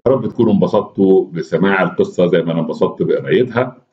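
Man, Egyptian Arabic accent, storyteller, wry expressive reading, casual asides, low voice, dull lo-fi audio. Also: racing. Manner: expressive, wry, laughs at his own asides.

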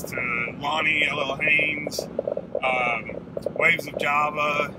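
Man talking in a noisy moving truck. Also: fairly high pitch. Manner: rambling, relaxed, with restarts and drawn-out pauses; talks while smoking a pipe. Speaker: vlogger. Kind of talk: casual video reply. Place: inside a pickup truck, driving. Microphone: phone or camera mounted on the dashboard. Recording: loud road and engine noise.

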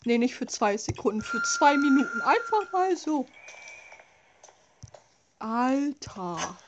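A woman's voice: high-pitched, sing-song, slow pace, lo-fi sound, noisy background. A woman giving casual commentary as a scared, exasperated horror game streamer who curses at the game. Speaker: let's play streamer.

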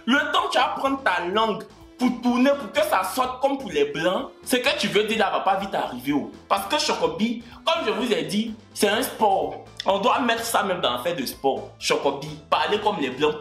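A man's voice: sits high, big pitch swings, moderate pace, fairly bright tone. A man telling a comic story as a monologue, with exaggerated mock outrage. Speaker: comedian storyteller. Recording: roomy sound with faint music.

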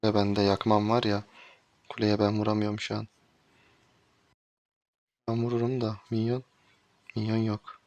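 A man's voice: on the low side, completely flat delivery, unhurried, long pauses, darkish tone, dry recording. A man streaming a mobile game, commenting live and getting exasperated with his teammates.

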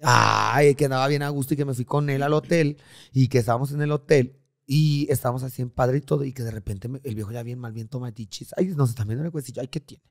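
Man, mexican spanish accent, podcast host, campy storytelling, quick talker, dry close sound. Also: mid-range voice, gravelly, no room sound. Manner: campy, animated, playfully crude. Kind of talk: casual chat, storytelling.

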